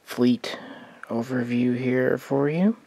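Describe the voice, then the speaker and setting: A man giving a relaxed, meandering spoken overview of his collection of model starships, thinking aloud as he goes. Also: mid-range voice, takes it slowly, gravelly, no room sound. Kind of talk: casual hobby overview.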